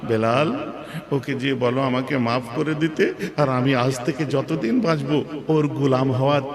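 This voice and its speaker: A man's voice: mid-range voice, steady tone, unhurried, crowd noise, close to an everyday voice. A preacher voicing a repentant old woman. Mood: remorseful. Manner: pleading, tearful. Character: elderly woman who scorns then repents. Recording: echoey hall with long reverb.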